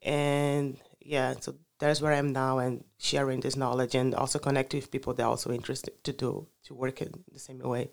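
A Brazilian man whose first language is Portuguese answers casual interview questions as a guest. His voice is smooth and mid-range, his delivery flat. He speaks haltingly, searching for words and using many fillers.

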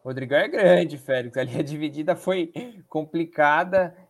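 A man's voice: a little high, normal speed. A man with a Brazilian accent giving casual, chatty live football analysis as co-commentator, often adding agreeing tag questions. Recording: faint background noise.

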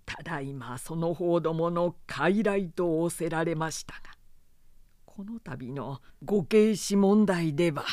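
A man's voice: high-pitched, darkish tone, no echo, clean studio sound. A reader voicing a loyal samurai retainer, a man who speaks formally and deferentially yet presses his lord hard.

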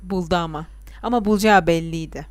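A woman's voice: fairly low pitch, fairly quick, dry recording. A young woman in casual, opinionated chat about a TV series, talking at length and sometimes drawing her words out.

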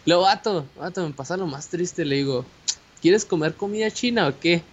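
A young man with a Mexican Spanish accent telling a personal story in casual chat, animated and slangy, with many fillers and restarts. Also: on the high side, moderate pace, husky. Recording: dull lo-fi audio with faint hiss.

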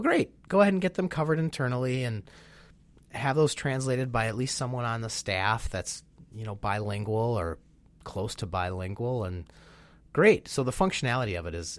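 In Chicago, a man co-hosts a business webinar, sounding slightly nasal and stuffed up from a sinus infection. His medium-pitched delivery is animated and enthusiastic, peppered with "you know."

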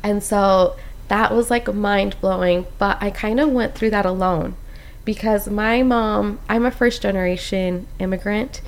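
A young Costa Rican postpartum doula tells her story in a casual chat, speaking at a measured pace in a medium-pitched voice. She's an animated storyteller whose speech is full of "like" and "um."

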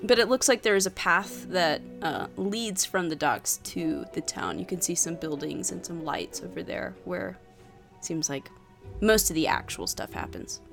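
A woman running a tabletop game as game master, relaxed and joking with many fillers. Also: fairly low pitch, moderate pace, creaky, soft background music.

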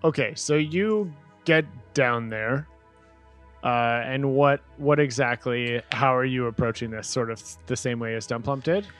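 A man narrating as game master of a tabletop role-playing game, relaxed and quick to laugh. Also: mid-range voice, faint music behind. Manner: relaxed, laughs easily, voices side characters.

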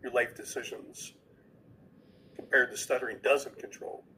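A man's voice: mid-range voice, little pitch movement, moderate pace, pushed and bright, a little hiss or hum, low-quality recording. A man who is a podcast guest, earnestly explaining an idea and often repeating words as he goes.

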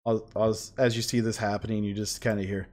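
A man narrating a tabletop game as game master, in a halting, conversational, improvised way. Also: lowish voice, flat delivery, darkish tone. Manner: halting, conversational, laughs readily.

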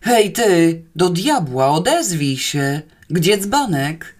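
A woman's voice: fairly low pitch, sing-song, measured pace. A woman voicing a flustered middle-aged male guard who hollers down a shaft in exasperation. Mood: bellowing.

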